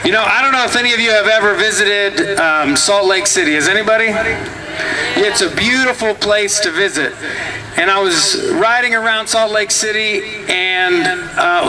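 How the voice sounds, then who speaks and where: High-pitched male politician at a rally. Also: background noise. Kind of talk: informal political rally speech with anecdote.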